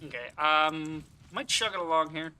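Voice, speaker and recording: Bright, forceful male game streamer. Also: on the high side, moderate pace, a little hiss or hum. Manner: rambling, thinking aloud; casually profane. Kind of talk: casual first-impressions game commentary.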